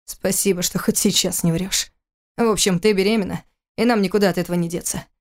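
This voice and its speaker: A woman's voice: mid-range voice, steady tone, a little fast, lightly acted. A woman voicing a cold, furious adult husband in an audiobook, speaking in a harsh, clipped, contemptuous way. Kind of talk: audiobook character reading.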